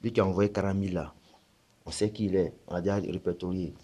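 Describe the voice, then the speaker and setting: A man's voice: low-pitched, steady tone, fast talker, noisy background. A man talking casually as a spiritual teacher, explaining his points with frequent rhetorical questions.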